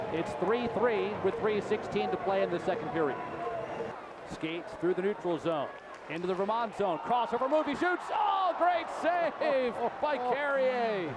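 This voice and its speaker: A male sports commentator with a high-pitched voice delivers live hockey play-by-play. His phrases are clipped and excitable, following the action. A loud crowd and heavy arena noise fill the recording behind him.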